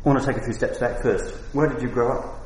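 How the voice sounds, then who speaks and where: A man's voice: medium pitch, steady tone, fast, a little mellow. A man hosting a radio interview, asking questions in a friendly, conversational way. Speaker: radio show host. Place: office. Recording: echoey room with faint noise.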